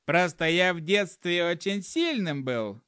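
A man's voice: sits high, animated, unhurried, fairly bright tone, clean tone, dry recording, clean studio sound, pitched above the performer's own voice. A man voicing a foul-mouthed, hot-tempered male gnome who grumbles and swears constantly in an audiobook. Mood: indignant. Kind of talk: audiobook character voice.

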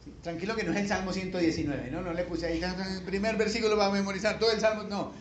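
High-voiced Colombian pastor in an echoey church. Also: male voice, fairly even intonation, fast, a crowd in the background. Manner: folksy and joking, building to emphatic peaks. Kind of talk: conversational sermon. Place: church sanctuary.

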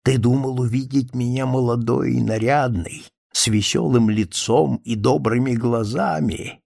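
A man's voice: mid-range voice, steady tone, creaky, a little mellow, no room sound, clean studio sound. A man voicing a ragged, grim and menacing old female spirit in a read-aloud story, hissing and drawing out his words. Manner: hissing, drawn-out, slow. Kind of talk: storybook reading.

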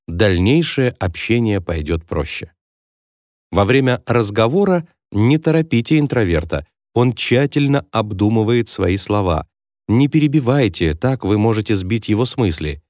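A man's voice: lowish voice, a little mellow, no echo, studio quality. A man reading a business advice book aloud as scripted nonfiction narration, in an instructive, evenly paced manner. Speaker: audiobook narrator.

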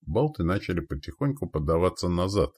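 A man's voice: low-pitched, big pitch swings, brisk, darkish tone, slightly rough. A man narrating a battle story dramatically in an audiobook. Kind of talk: scripted narration.

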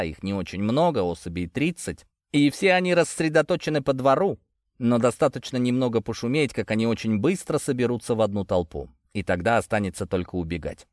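Man, audiobook narrator, scripted first-person reading, mid-pitched voice, dry recording. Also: dry recording.

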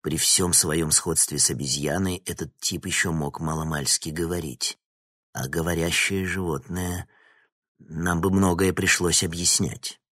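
A man voicing a cold, predatory male scientist who speaks in a slow, threatening tone. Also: low voice, steady tone, bright, forceful tone, dry recording, clean studio sound, heavily acted. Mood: sly, mocking.

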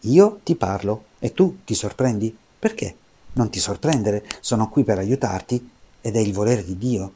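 A man voicing a calm, wise talking dog who reassures a lonely boy. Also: fairly low pitch, moderate pace, breathy edge.

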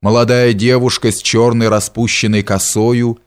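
A man reading a story aloud in measured, deliberate audiobook narration. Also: medium pitch, level tone, clean tone. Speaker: audiobook reader.

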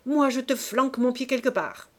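A woman's voice: high voice, normal speed, pitched above the performer's own voice. A woman reading an audiobook voices a brash, quarrelsome male financier who argues defiantly and insults his rival. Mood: insulting.

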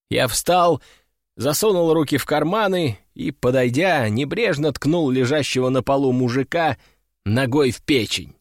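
A man reading a first-person story aloud in an even, casual, dryly ironic way. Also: on the high side, no room sound, studio quality. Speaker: audiobook narrator. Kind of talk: first-person audiobook narration.

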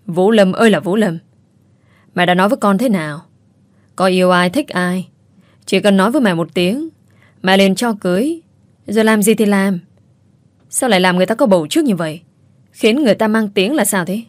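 A woman reading aloud plays a middle-aged mother who scolds with emphasis and a bossy temper. The voice sits low and the sound is dry and close, as in a spoken storybook. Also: moderate pace, dry recording, close to an everyday voice. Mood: scolding.

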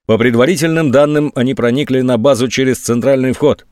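A man's voice: medium pitch, fairly even intonation, a little fast, a little mellow, no echo, close to an everyday voice. Male reader as a subdued colonel, reluctant tone, dry recording. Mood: glum. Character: downcast, cornered middle-aged male colonel.

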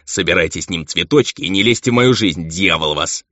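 A man's voice: deep voice, lively intonation, brisk, fairly bright tone, dry recording. A man voicing a stern half-demon envoy. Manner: stern, insistent. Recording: dull lo-fi dry recording.

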